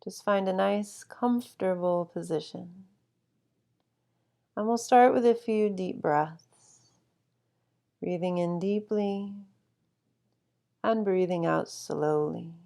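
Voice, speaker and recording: A woman guiding a sleep meditation with calm, soothing instruction and long, unhurried pauses. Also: on the low side, gravelly. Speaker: meditation guide.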